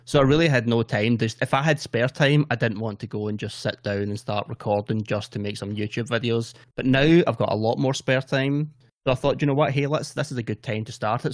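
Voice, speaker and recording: A man's voice: on the low side, no echo, studio quality. A Scottish man chatting casually in a self-deprecating way. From Scotland. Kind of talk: casual chat.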